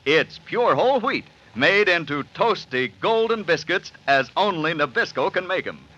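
An American male old-time radio announcer delivers an enthusiastic sponsor pitch on a vintage broadcast. His voice is very bright and a little husky, swinging widely in pitch with showy emphasis. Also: animated, moderate pace, dull audio. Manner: emphatic, showy salesmanship to young listeners.

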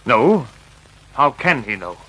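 An actor playing a nervous, evasive doctor who runs an asylum, flustered and defensive in vintage radio drama style. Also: male voice, medium pitch, big pitch swings, slow pace, pushed and bright, slightly rough, exaggerated voice, rough recording. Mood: defensive, alarmed.

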